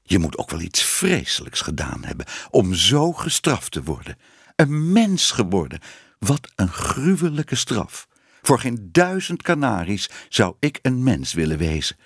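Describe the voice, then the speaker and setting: A man's voice: fairly low pitch, huge pitch swings, measured pace, gravelly, breathy edge, no room sound, studio quality, full character voice. Man voicing hissing old cat Tante Moertje. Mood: disapproving. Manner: hissing, prim and scolding.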